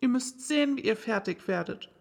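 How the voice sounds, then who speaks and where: A woman voicing Alice, a curious, dreamy young girl who chatters to herself in a lively way. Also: a little high, brisk, vocal fry, big-room sound. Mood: wondering.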